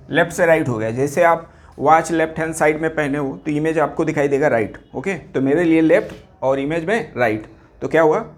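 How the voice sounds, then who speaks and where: A man teaching physics to exam candidates, his voice sitting a little high. He keeps throwing questions at the class and answering them himself, repeating key terms and slipping English words into his Hindi. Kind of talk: exam-prep lecture.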